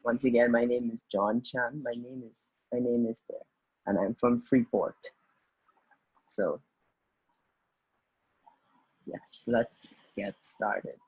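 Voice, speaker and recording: A man's voice: mid-range voice, fairly even intonation, slow, pauses often, a little mellow, husky, dull audio. A man, tutoring students in an informal online session, speaking hesitantly and often restarting his sentences. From Guyana, raised in the Bahamas. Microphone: video call.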